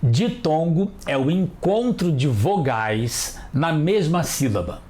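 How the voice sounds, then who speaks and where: A teacher, giving a children's TV lesson and spelling out sounds slowly and carefully. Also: medium pitch, sing-song, warm tone.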